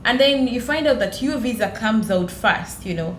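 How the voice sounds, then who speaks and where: A bright, animated woman's voice on the high side speaks at a moderate pace with a Ugandan accent. As a podcast guest from Uganda, she tells personal stories and repeats phrases for emphasis, recorded in an echoey space with obvious background noise.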